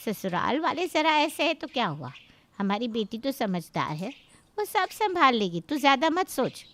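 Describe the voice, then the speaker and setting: Woman playing a middle-aged mom in a cartoon story, somewhat high voice. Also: big pitch swings, normal speed, fairly bright tone. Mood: dismissive. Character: traditional middle-aged mother.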